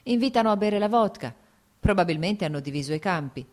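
A woman voicing a weary, sly gentleman hunter. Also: medium pitch, animated, brisk, lightly acted. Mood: sly urging. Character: weary sly young male landowner hunter.

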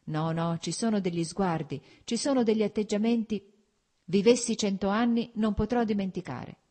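A woman narrator gives voice to a calm, gentle young woman with a mild, tired kindness. She speaks plainly and evenly, a little higher than the narration, with a husky, mellow tone. Read as an audiobook. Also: normal speed, natural voice.

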